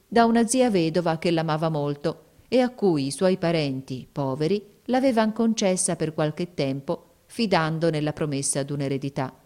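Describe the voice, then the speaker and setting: A woman narrating a story aloud in a steady, measured reading. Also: lowish voice.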